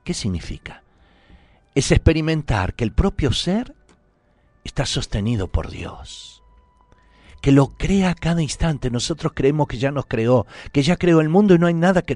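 A man's voice: fairly high pitch, expressive, normal speed, a little mellow, no room sound. A man preaching a sermon in an earnest, pleading, intimate way, sometimes dropping to a whisper.

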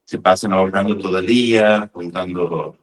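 A man's voice: low voice, moderate pace. A man from Argentina, a parish priest, answering in a hesitant way with many fillers and tag questions. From northern Argentina. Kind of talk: casual interview answers. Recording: voice a bit far from the mic.

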